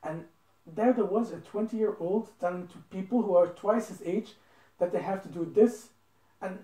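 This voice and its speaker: A man's voice: high-pitched, mellow. A young man from Belgium in his twenties, answering interview questions in an earnest, casual way and repeating points for emphasis. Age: 20s. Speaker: interview guest. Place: living room indoors. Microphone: phone camera across a table. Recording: roomy, from a distance.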